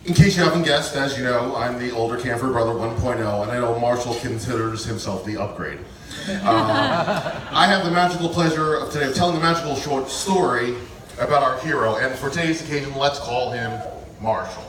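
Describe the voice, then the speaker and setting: A man's voice: medium pitch, brisk, fairly bright tone. A man giving a wedding toast speech in a theatrical, mock-grand storytelling manner. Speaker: groom's older brother giving toast. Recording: echoey noisy room, far from mic.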